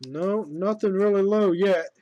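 Man, card-break host, announces each pull in a slow, loud build between casual laughing asides, fairly high voice. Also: dry recording, dull audio. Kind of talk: live card-break commentary.

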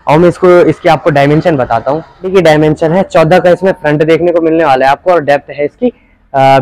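Young guy doing a property tour, salesy and upbeat, slightly high voice, dry close sound. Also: darkish tone, no room sound, rough recording. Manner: upbeat sales pitch with pauses. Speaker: real estate channel host. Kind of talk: property walkthrough narration. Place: street and empty shop, out and indoors.

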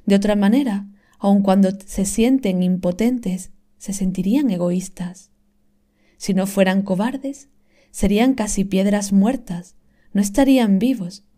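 Soft-spoken woman reading slowly, mellow tone. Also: medium pitch. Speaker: reader of inspirational texts. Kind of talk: calm scripted reading.

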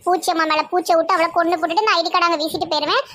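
Comedy sketch: woman plays a bragging schemer, high voice, Tirunelveli Tamil accent. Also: fairly even intonation, racing, bright, forceful tone, slight background noise. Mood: scheming. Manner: brash, bragging. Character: scheming brash young bride-to-be.

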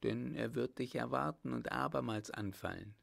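A man's voice: mid-range voice, moderate pace, gravelly. A man voicing an anxious young sweetheart. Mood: pleading.

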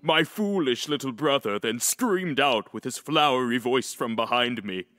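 A man narrating a first-person fan audiobook, expressive, with smug asides. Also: medium pitch, moderate pace. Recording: long echoey reverb.

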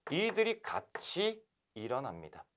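A man from Korea giving a lively history lecture for exam candidates, telling the events as animated stories. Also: sits high, unhurried, noisy background. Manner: animated storytelling, acting out scenes. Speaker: history instructor.

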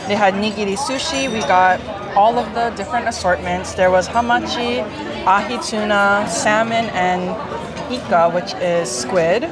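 A woman's voice: mid-range voice, unhurried. A young woman, a food vlogger co-host, chatting eagerly about the food she tastes in a restaurant. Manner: chatty, enthusiastic tasting remarks. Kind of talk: casual food review chat. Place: restaurant dining room by the beach. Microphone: lapel mic. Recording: loud music and crowd behind.

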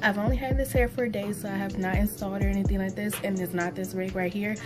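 A woman's voice: mid-range voice, steady tone, fast, loud music behind the voice. A young woman giving a casual, rambling product review in a small room, talking with a sore, stitched mouth after having teeth pulled. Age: young adult. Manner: informal, rambling. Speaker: beauty vlogger. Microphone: phone propped at arm's length.

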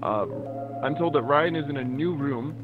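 A man's voice: a little high, moderate pace. A man hosting a co-op game playthrough, talking casually over a muffled walkie-talkie and signing off his turns with "over". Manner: relaxed, ends turns with "over". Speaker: host, co-op game player. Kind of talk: casual gameplay chat in radio talk. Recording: dull lo-fi sound with loud music.

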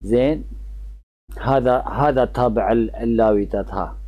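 A man's voice: medium pitch, moderate pace, dull audio. A man with an Iraqi Arabic accent giving casual, chatty gameplay commentary as a gaming channel host, often trailing off mid-word.

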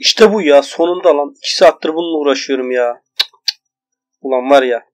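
Excitable young man's gameplay commentary. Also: on the high side, a little fast. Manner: loud exclamations and swearing at enemies. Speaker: gaming YouTuber. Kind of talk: excited let's-play commentary.

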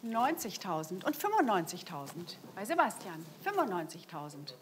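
Speaking into a lapel mic at an indoor saleroom lectern, a middle-aged woman auctioneer calls out live bids in a fairly low, sing-song voice at normal speed. She hammers the repeated figures with emphatic stresses, and there's a little hiss or hum.

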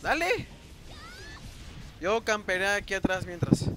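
A man with a Mexican Spanish accent commentating his own gameplay. He talks in a high, lively voice that jumps all over. He swears and yells at the enemies on screen. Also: slow, over music. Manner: excitable, swearing, shouting at enemies. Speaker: gameplay video host.

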